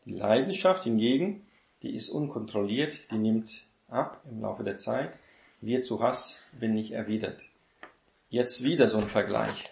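A man giving a sermon, reading a list of contrasts slowly and repeating lines, often adding "ne?" as he teaches. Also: on the low side, creaky, echoey room. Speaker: preacher.

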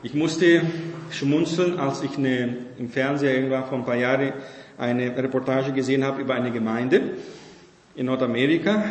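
Man preaching in an echoey hall. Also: medium pitch. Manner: conversational preaching with frequent "ne?" tags. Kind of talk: sermon. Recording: echoey hall with long reverb.

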